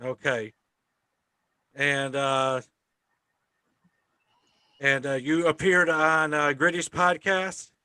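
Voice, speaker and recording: A man hosting a podcast in casual chat, with a halting, stammering delivery. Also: fairly high pitch, little pitch movement, bright, forceful tone, smooth, dry recording. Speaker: podcast host.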